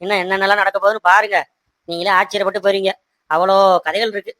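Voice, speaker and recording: Man playing a fast-talking cartoon husband, high bright voice, soothing and harried. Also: level tone, no room sound. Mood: exasperated. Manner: soothing, placating, talks to the audience. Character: harried young husband, stuck between wife and sisters. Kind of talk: cartoon voice acting.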